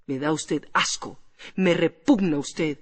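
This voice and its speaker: A wounded, scornful noblewoman voiced by a male audiobook narrator lashes out in a sharp, raised voice. The reading sits noticeably higher than his own tone. A long reverb trails behind each phrase, as if it were read in a large hall. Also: normal speed. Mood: bitter, scornful.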